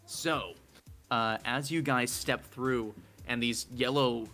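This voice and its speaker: A man runs a tabletop game as game master, narrating slowly with lots of pauses and fillers. His voice is bright and forward, and soft music plays underneath. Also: mid-range voice, fairly even intonation. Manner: slow, halting narration with many fillers.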